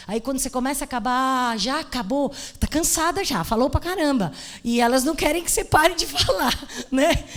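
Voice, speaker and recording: A woman pastor from Brazil preaching at a women's conference, telling a story with humor and acting out the dialogue. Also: on the high side.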